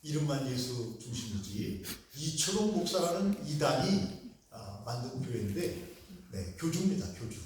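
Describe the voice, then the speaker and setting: A man's voice: mid-range voice, very animated, measured pace, slight background noise. A man from Gyeongsang Province preaching a sermon, chatting with the congregation and asking them questions. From Gyeongsang Province, Korea. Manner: conversational, asks the congregation questions. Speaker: pastor. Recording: echoey hall, voice from far off.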